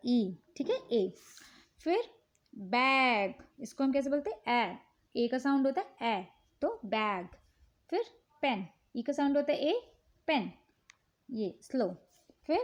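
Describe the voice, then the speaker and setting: A woman with an Indian accent, calmly explaining children's worksheets one step at a time. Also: sits high. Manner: slow, patient, repeats "ठीक है" often. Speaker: teacher showing worksheets. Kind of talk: casual instructional talk.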